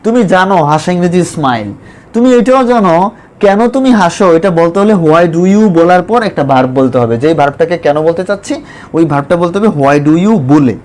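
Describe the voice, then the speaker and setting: A man teaching a spoken English lesson online, talking emphatically and repeating himself, then slowly spelling out English example sentences. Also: fairly high pitch, animated, a little mellow.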